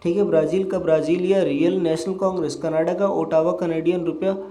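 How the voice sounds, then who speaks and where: A male teacher reciting a quick revision list for a lesson, rattling items off one after another with fillers. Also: fairly high pitch, steady tone, dark tone.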